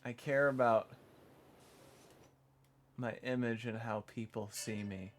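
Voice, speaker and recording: A man's voice: medium pitch, steady tone, takes it slowly. A young man streaming as a vtuber, chatting casually while gaming, rambling with self-deprecating asides.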